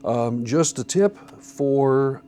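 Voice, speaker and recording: Male church music instructor, unhurried delivery, mellow low-key tone, faint room ambience. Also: animated, slight background noise. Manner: patient, methodical, counts beats aloud. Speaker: song leading instructor. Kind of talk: classroom instruction. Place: church classroom.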